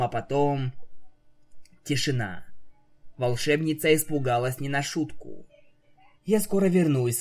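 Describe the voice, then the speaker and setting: A man narrating a fan fiction story aloud in an even storytelling delivery. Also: mid-range voice.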